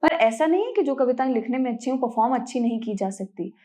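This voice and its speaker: A woman's voice: on the high side, lively intonation, quick pace, mellow. A woman poet, a guest in an interview conversation, explaining her views in a firm, advising tone.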